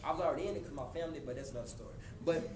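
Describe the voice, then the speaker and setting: A man in his twenties giving a motivational talk to a live college audience, casual and animated, speaking straight to the crowd. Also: on the high side, very fast. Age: 20s. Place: college hall before an audience. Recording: echoey hall with room noise.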